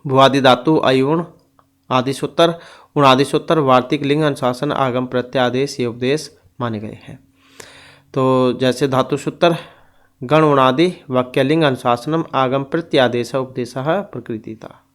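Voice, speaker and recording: A man explains grammar rules for an exam-prep lesson, his voice sitting at an ordinary middle pitch for a man. He reads out each rule and then goes through its items one at a time, in the steady manner of a teacher. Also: unhurried.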